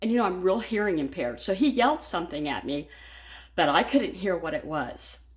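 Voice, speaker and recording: A woman's voice: lowish voice, animated, moderate pace. A woman vlogging from her home kitchen, talking casually while she bakes, rambling and laughing often, a little shaken and frazzled. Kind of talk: casual chat while baking.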